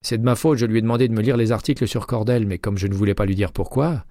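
A man's voice: fairly low pitch, fairly even intonation, fast talker, warm tone, no room sound, clean studio sound, voice pushed up, natural voice. A male audiobook reader voicing a retired male investigator who asks for favors in a polite, persuasive tone. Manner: polite, persuasive phone talk.

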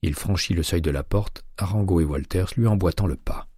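A man narrating a crime novel audiobook in a measured, even reading. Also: sits low, breathy edge, no room sound, studio quality.

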